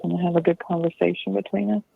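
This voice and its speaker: A woman talking gently and soothingly to an inmate over a prison phone line. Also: lowish voice, little pitch movement, fast, gravelly. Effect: heard over a prison phone line. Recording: tinny phone line with faint hiss.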